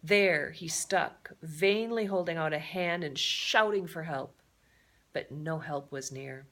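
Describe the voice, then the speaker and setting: Reading aloud from a children's adventure novel, a woman with a lowish voice tells the story expressively. She tends to break off for explanatory asides aimed at her audience.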